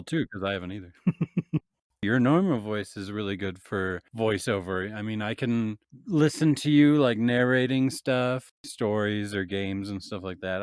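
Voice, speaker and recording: A man's voice: on the low side, dry recording, studio quality. A man hosting a casual podcast interview in an easygoing, joking way. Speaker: podcast host.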